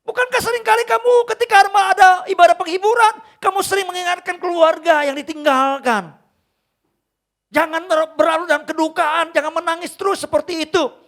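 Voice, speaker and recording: A man voicing God as a loving father gently rebuking his grieving son, in a loud, soaring, pleading preaching voice. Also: extremely high pitch, fairly even intonation, fairly quick, voice pushed up. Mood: tender rebuke. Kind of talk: preached quotation in a sermon.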